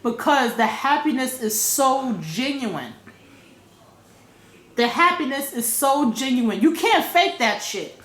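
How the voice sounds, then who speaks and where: A woman's voice: on the high side, a bit bright, roomy sound. A woman vlogging her opinions in a blunt, profane way, repeating her points for emphasis. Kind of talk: casual opinion rant.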